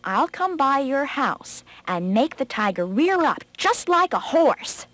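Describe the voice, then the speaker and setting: A woman's voice: sits high, big pitch swings, a little slow, a bit bright, dry recording, voice pushed up, full character voice. Woman voicing a sly boastful rabbit. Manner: cocky, then fakes a weak sickly voice. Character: tricky boastful male rabbit.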